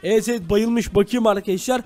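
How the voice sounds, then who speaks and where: Fast-talking high-voiced man. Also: steady tone, dark tone, soft background music. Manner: chatty, keeps addressing viewers. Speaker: YouTuber. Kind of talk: Minecraft role-play.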